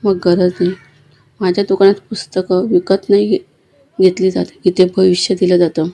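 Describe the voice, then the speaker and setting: A woman reading as a gentle, worn-out old father. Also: fairly low pitch, little pitch movement, normal speed, creaky. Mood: tender. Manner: gentle and tender. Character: loving, worn-out elderly father.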